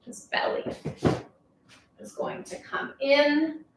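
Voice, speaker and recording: A woman instructor leading a yoga class, talking calmly and slowly with a gently playful touch. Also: high-pitched, slight background noise. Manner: calm, slow, gently playful. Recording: very echoey room, voice from far off.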